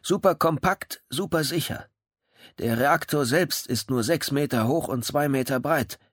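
A man's voice: a little high, measured pace, fairly bright tone, no room sound, clean studio sound, voice pushed up. A man doing a fretful, proud old company boss. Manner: worried, defensive, boastful. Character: anxious, proud sixty-year-old company director.

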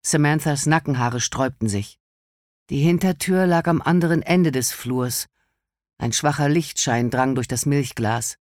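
A man reading a novel aloud as an audiobook narrator, in calm, measured storytelling. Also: a little high, dry recording, clean studio sound. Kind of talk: scripted narration.

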